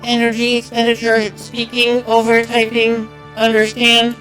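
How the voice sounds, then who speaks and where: A woman voicing a flat, emotionless male bomb disposal expert who talks through a robotic voice filter, with clipped, monotone delivery. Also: fairly high pitch, unhurried, soft background music, pitched above the performer's own voice, rough recording. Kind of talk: game playthrough voicing.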